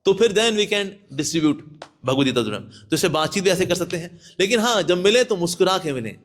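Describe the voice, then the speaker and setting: Lively high-voiced monk preaching. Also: male voice, moderate pace, soft background music. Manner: lively, acts out people with sudden voice shifts. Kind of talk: devotional talk to devotees.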